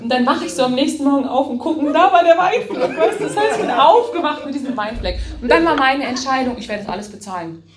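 Animated woman preaching in an echoey hall. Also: high-pitched, fast, a crowd in the background. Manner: lively storytelling, acting out her own quotes, often laughing. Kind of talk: sermon with personal story.

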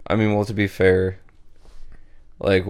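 A man's voice: low-pitched, little pitch movement, measured pace, darkish tone, smooth. A man from southeast Kentucky with a faint Southern accent, co-hosting a podcast in crude, joking casual chat and laughing often. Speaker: podcast co-host.

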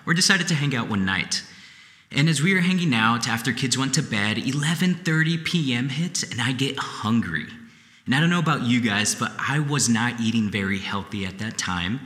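Bright-voiced man preaching in an echoey hall. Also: mid-range voice. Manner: storytelling, lively and conversational. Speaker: pastor. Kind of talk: sermon. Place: church hall.

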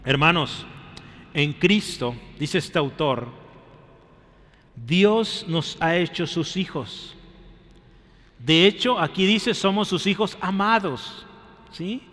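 A man preaching a sermon to a congregation, calling them brothers and checking in with quick questions. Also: high voice, lively intonation, a bit bright, big-room sound. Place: church.

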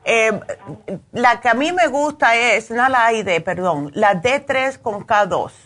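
A woman's voice: a little high, lively intonation, a bit bright. A woman hosting a call-in health show, giving advice in an affectionate, reassuring way. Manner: affectionate, reassuring, quick backchannels. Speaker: radio health show host.

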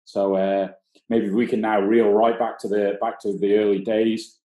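Male podcast host, relaxed dark tone, halting conversational questions, echoey room. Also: fairly low pitch. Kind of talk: casual interview chat.

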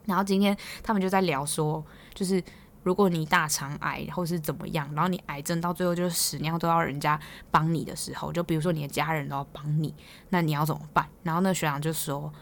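A young woman with a Taiwanese Mandarin accent, hosting a podcast and telling stories in a chatty, teasing way, quick to laugh. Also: low voice, fairly even intonation, a little hiss or hum. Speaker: podcast host. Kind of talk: casual storytelling monologue.

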